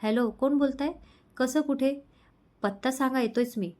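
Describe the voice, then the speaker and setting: A calm, composed young man, as a woman storyteller reads him. He speaks evenly and protectively, and his voice sits a little high. It is a storybook romance. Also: moderate pace, close to an everyday voice.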